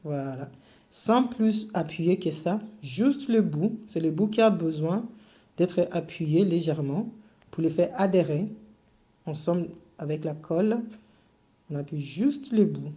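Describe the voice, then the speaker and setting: A woman with an English accent gives a patient, step-by-step cake decorating lesson. Her voice sits low and mellow, and she often hesitates on filler sounds while explaining each detail. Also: lively intonation, unhurried. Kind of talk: step-by-step tutorial.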